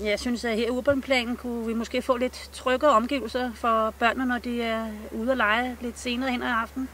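A woman's voice: on the high side, level tone, fairly bright tone, faint music behind. A middle-aged woman, a resident, speaking earnestly by a playground in a vox pop interview. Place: outdoors by a playground.

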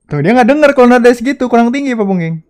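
A young male streamer in a game roleplay, teasing and urging the others along with quick laughs. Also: very high-pitched, lively intonation, darkish tone. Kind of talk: GTA roleplay banter.

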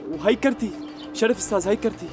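Guy playing a super fast, high-voiced syrian hustler, all apologies and sweet talk, music under it. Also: lightly acted. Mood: smooth reassuring. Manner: fast, ingratiating and overly apologetic. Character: smooth-talking male con man posing as a returnee from abroad. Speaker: actor in a comedy sketch. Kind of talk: Levantine TV comedy acting.

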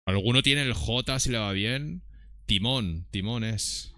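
A man's voice: on the low side, slow pace, sharp tone, no room sound, clean studio sound. A man streaming a game, muttering to himself with exasperation while reading menu options aloud. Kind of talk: live gameplay commentary.

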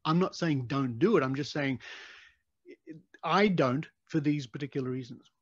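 A man's voice: a little high, moderate pace, dry recording. A man with an Australian accent hosting a podcast, chatting casually and animatedly, laughing easily. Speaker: podcast host. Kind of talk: casual interview chat. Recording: dry, slightly dull sound.

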